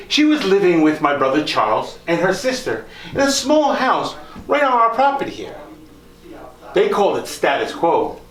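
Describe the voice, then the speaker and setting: In an echoey room, a man acts out a genteel country doctor from the 1800s, pitched on the high side for a man. He delivers a folksy, theatrical monologue straight to his listeners, his voice swinging widely in pitch. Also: a bit bright. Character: genteel 19th-century country doctor, proud, reminiscing, later grieving. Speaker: costumed tour performer. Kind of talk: in-character historical monologue to a live group. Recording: echoey room, live performance.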